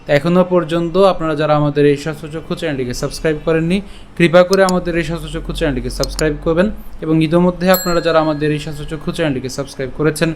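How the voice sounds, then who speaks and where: A Gita recitation teacher from Bengal, this man has a voice on the high side with a steady tone, against slight background noise. He patiently chants Sanskrit verses slowly, syllable by syllable, breaking words apart and often checking in with "ঠিক আছে?"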